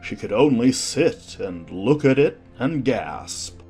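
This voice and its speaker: An audiobook narrator with a medium-pitched voice reads a children's story in a measured, expressive, scripted style, with soft music playing in the background.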